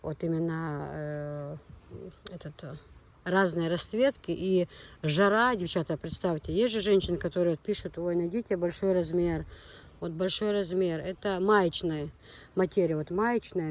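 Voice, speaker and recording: Lowish-voiced chatty woman, shopping vlogger. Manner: chatty, repetitive. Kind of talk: casual shopping chat and showcase. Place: market shops. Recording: faint shop background noise. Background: faint ambient noise.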